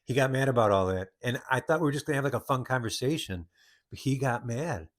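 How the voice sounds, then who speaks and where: A man talks through a personal story on his own podcast, circling back and restarting his sentences as he goes. His voice sits at an ordinary middle pitch, and the delivery is loose and conversational. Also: lively intonation, quick pace. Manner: rambling storytelling with frequent restarts. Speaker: podcast host. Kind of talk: casual monologue.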